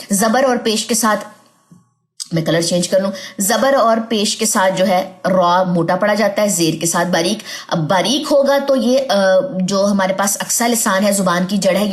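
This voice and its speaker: A young woman teaching tajweed from slides. She often checks whether students follow and draws out example words slowly. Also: medium pitch. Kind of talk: slide-based online lesson.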